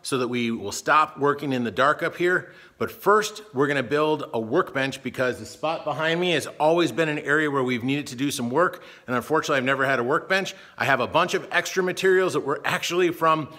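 His voice is a little high, bright and forceful, and he talks fairly quickly with hardly any pauses. A man in his thirties vlogs his homestead DIY work from inside a big metal barn, camera held at arm's length, chatting while he builds, sweating in the heat and making self-deprecating jokes.

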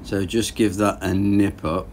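A deep voice at a measured pace carries this garage narration from a boat engine vlogger in his thirties. Thinking aloud while he works on the rebuild, he stays relaxed and plain-spoken, with a bit of background noise present.

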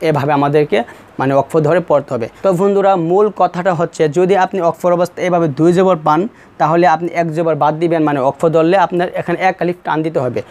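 A man's voice: a little high, darkish tone. Man, bangladeshi bengali accent, recitation tutorial, repeats each rule patiently, stretched-out chanted syllables, slightly raised voice. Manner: slow, repetitive explanation, drawing out recited syllables. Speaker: Quran recitation teacher. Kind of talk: recorded tutorial on pausing in Quran recitation.

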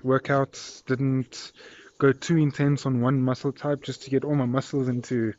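Out in a residential yard, a twenty-something man with a South African accent records his daily vlog on a phone held at arm's length, chatting in a friendly, rambling manner full of fillers. His mid-range voice is level and a little mellow, his pace moderate, and the phone recording sounds slightly dull.

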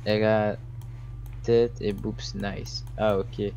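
A man's voice: fairly low pitch, flat delivery, slow, creaky, darkish tone, slight background noise. A teenage male friend joining a live stream, talking casually and teasing his friend. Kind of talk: casual chat.

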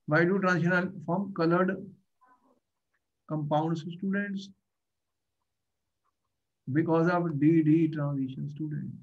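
A man's voice: fairly high pitch, steady tone, slow pace, long pauses. A man with a North Indian accent teaching an online lesson, repeating himself and often putting questions to the learner. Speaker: chemistry teacher. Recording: dull, muffled online-class audio.

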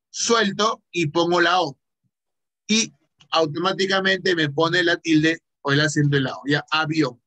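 A male teacher with a Peruvian Spanish accent talks slowly through an online computer lesson. His voice is fairly high and bright, and he patiently asks questions and then answers them himself.

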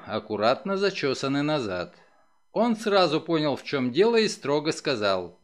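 A man narrating a novel as an audiobook, in a dramatic, expressive reading. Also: a little high. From Ukraine. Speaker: audiobook reader.

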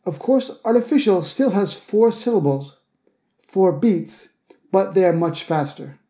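A man narrating a scripted English pronunciation lesson as a teacher, sounding out example words slowly and carefully. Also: sits high, lively intonation, warm tone.

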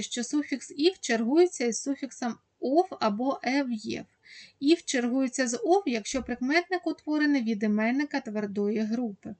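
A woman's voice: fairly high pitch, no room sound. A woman teacher giving a methodical grammar lesson, listing example words with occasional hesitation fillers.

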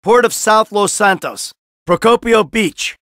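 A cynical, middle-aged American gangster from a video game speaks in a sharp, gritty voice with a creaky edge, sardonic and quick to irritation. He delivers short, blunt tough-guy lines at a measured, unhurried pace, pitched high and recorded very dry with no echo. It's a full character voice with a flat, listing mood.

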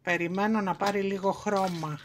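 A woman's voice: mid-range voice, a little hiss or hum. Greek woman explaining a home recipe. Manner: calm step-by-step explaining. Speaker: cooking show host. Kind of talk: home cooking demonstration. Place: home kitchen.

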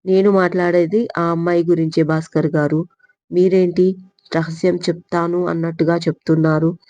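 A woman's voice: lowish voice, little pitch movement, normal speed, warm tone, dull audio, lightly acted. A woman doing a cheeky young office guy. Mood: annoyed. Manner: breezy, teasing. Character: cheeky young man, office staffer, teasing.

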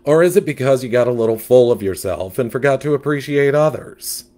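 A man's voice: medium pitch, expressive, fairly quick, mellow, voice pushed up, close to an everyday voice. A man voicing a sassy, gossipy male catfish who dramatically gives life advice in a storybook. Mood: sassy advising.

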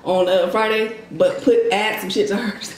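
A woman's voice: mid-range voice, steady tone, moderate pace. A woman in her thirties talking casually while eating a meal. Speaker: co-host of mukbang video. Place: indoor room at a table, eating. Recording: echoey room, faint noise.

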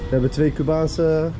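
Enthusiastic young man on a walking tour. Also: fairly high pitch. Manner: enthusiastic, chatty, addresses viewers directly. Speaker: vlogger, tour guide. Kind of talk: casual walking-tour narration. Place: outdoor narrow city street with murals, walking.

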